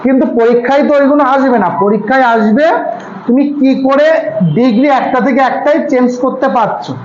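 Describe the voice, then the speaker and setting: A man's voice: very high-pitched, brisk, a little mellow, a little hiss or hum. Guy teaching a grammar class, keeps quizzing students, echoey room, kinda dull lo-fi sound. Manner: asks students questions and answers them himself. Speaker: tutor.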